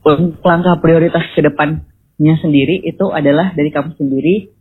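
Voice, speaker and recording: A man's voice: on the high side, fairly even intonation, brisk, slightly rough, phone-quality sound. A young man answering interview questions over an online call whose audio keeps breaking up; he talks hesitantly with many fillers and restarts. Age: young adult. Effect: choppy, cutting-out call audio. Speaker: interview guest, youth village program member. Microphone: video call.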